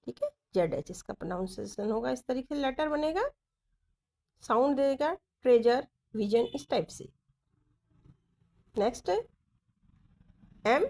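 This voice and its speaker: A woman teaching shorthand, going through each letter slowly and repeating the strokes as she writes them. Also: a little high, darkish tone. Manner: deliberate, repeats letters and directions while writing. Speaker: stenography teacher. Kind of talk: slow step-by-step lesson explaining shorthand strokes.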